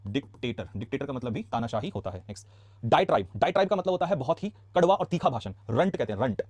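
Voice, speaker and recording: A man with an Indian accent teaching English vocabulary in a casual classroom style, asking quick questions and answering them himself. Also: medium pitch, expressive, darkish tone, no echo. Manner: rapid, chatty, asks quick questions then answers them. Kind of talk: casual classroom lesson explaining words.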